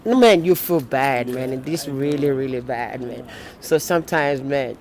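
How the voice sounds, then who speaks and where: A man's voice: mid-range voice, normal speed, darkish tone, slight background noise. A man who teaches, answering street interview questions frankly and emphatically.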